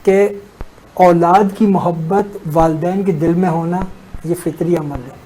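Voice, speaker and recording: A man as a religious scholar on a talk show, explaining a teaching in a measured way and unfolding a story with pauses. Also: high-pitched, fairly even intonation, mellow, slight background noise, poor audio.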